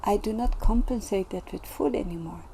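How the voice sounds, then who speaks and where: A woman vlogger talking in a casual, reflective monologue, gentle and earnest, with many pauses and restarts. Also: mid-range voice, creaky, slight background noise. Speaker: self-development vlogger.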